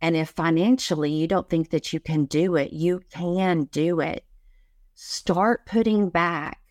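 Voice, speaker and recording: A woman's voice: fairly low pitch, unhurried, darkish tone, no room sound, clean studio sound. A middle-aged woman, a business coach interviewed as a guest, speaking earnestly and emphatically and often repeating her key phrases. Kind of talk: motivational interview talk.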